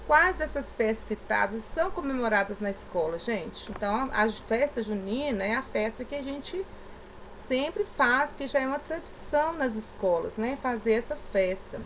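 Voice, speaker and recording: A woman's voice: a little high, lively intonation, moderate pace, slight background noise, poor audio. Patient woman teacher stressing syllables. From southeastern Brazil. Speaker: primary school teacher. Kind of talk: recorded lesson explanation.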